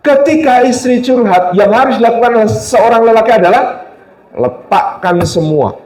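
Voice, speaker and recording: A man's voice: very high voice, expressive, normal speed, a little mellow. A male Islamic preacher giving a religious lecture, telling stories with humor and acted-out quotes. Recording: roomy hall, distant mic.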